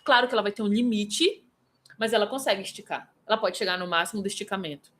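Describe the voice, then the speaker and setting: A woman's voice: medium pitch, fast talker. A woman vocal coach in Brazil, teaching a live singing lesson and answering viewers by name. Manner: lively, demonstrative, breaks into vocal examples.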